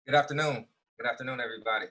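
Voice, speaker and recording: A man's voice: mid-range voice, very fast, pushed and bright, rough recording. Earnest man giving a keynote. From Houston, Texas. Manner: earnest, with frequent fillers and restarts. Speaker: keynote speaker. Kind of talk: motivational speech.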